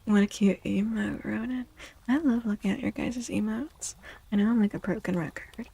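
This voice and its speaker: On an ASMR tarot livestream, a woman with a mid-range voice speaks softly and breathily, frequently dropping to a whisper. Her reassurance is gentle, soothing and unhurried, and there's no echo.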